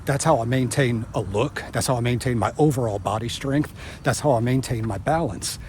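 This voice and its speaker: A man's voice: mid-range voice, brisk, a little mellow. Winded man with a missing tooth, outdoors. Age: 50s. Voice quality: speaks with a missing front tooth. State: winded, out of breath. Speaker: fitness vlogger. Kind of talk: casual talk to camera while exercising outdoors. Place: outdoors on a walking route. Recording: outdoor noise, passing vehicle sounds.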